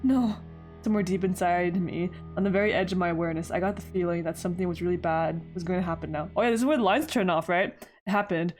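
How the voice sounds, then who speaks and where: A woman's voice: lowish voice, quick pace, few pauses. Woman, let's play host, reads the story aloud, chatty asides, faint game music. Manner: chatty, giggly asides between narration. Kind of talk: reading a visual novel aloud with commentary.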